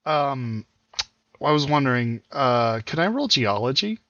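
A man's voice: medium pitch, big pitch swings, a little slow, lo-fi sound, crowd noise. A man playing a tabletop game, talking casually and a little hesitantly. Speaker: player.

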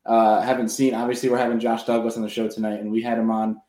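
A man's voice: lowish voice, completely flat delivery, fast talker, mellow. A man hosting a live podcast in a casual, buddy-like way. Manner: informal, buddy-like address. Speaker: podcast host. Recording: roomy, echoing sound.

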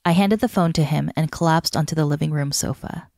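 A woman narrating a devotional article as a scripted reading, in a calm, even voice. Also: deep voice, fairly quick, gravelly, no room sound, studio quality.

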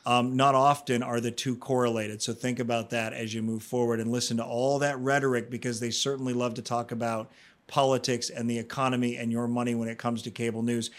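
A man's voice: mid-range voice, level tone, brisk. A man hosting an interview in a conversational way, wording things at length and acting out imagined remarks. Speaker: host.

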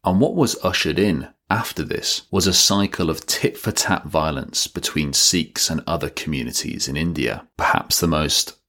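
A man's voice: rumbling low, normal speed, hardly any pauses, bright, forceful tone. A man narrating an educational history explainer, with wry, dry joking asides. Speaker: educational video presenter.

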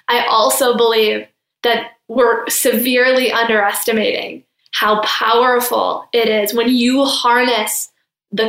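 A woman's voice: fairly high pitch, a bit bright, echoey room. A young adult woman hosting a spiritual podcast, talking in an earnest, chatty way with fillers. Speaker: podcast host.

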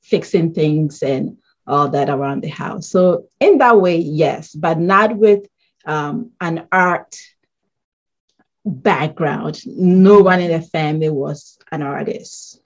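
A woman from Ghana, answering interview questions in a measured, thoughtful way and pausing with ums. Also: low voice, highs cut off. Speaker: guest artist.

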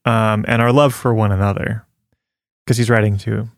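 A man's voice: on the low side, flat delivery, moderate pace, gravelly, no room sound, studio quality. A man co-hosting a casual faith talk, reading scripture aloud and chatting earnestly with many fillers and easy laughs. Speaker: podcast co-host sharing a devotional.

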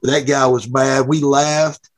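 A man's voice: medium pitch, flat delivery, measured pace. A middle-aged man, a drag racer guest telling a folksy, rambling story with laughs. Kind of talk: casual storytelling.

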